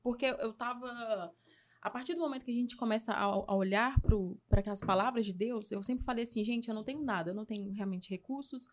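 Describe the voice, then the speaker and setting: A woman, a missionary guest, answering in a casual interview in an earnest, thoughtful way with pauses to restart. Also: on the high side.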